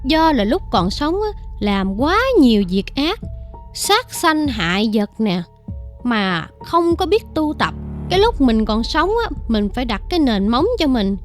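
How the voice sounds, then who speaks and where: A woman voicing a calm Buddhist nun who explains karma in a slow, measured way. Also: a little high, soft background music. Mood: solemn.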